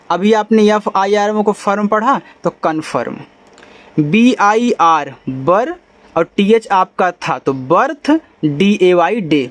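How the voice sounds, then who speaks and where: A man teaching a phonics lesson, spelling out letters one by one and patiently sounding out each word. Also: sits high. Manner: patient, repeats and checks understanding. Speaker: English teacher.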